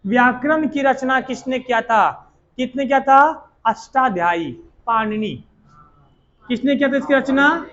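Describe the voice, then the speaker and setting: A man's voice: very high voice, unhurried, a bit bright, muffled recording. A male teacher, giving a classroom lecture and drilling students with repeated questions and answers. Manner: repetitive call-and-response drilling.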